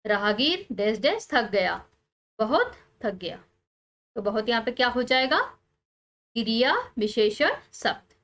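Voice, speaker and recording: A woman teacher, calmly explaining textbook answers step by step and pausing on key words. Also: a little high.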